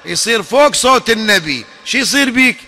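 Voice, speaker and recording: A man's voice: very high-pitched, expressive, brisk, sharp tone. A man with an Iraqi accent, preaching a sermon emphatically and asking the audience rhetorical questions. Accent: Iraqi Arabic. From Iraq. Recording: long reverb of a large hall.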